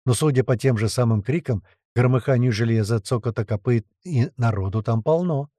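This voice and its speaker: A man's voice: medium pitch, a little fast, warm tone, no room sound, clean studio sound. A man reading a first-person audiobook in a blunt, swearing storytelling manner. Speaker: audiobook reader.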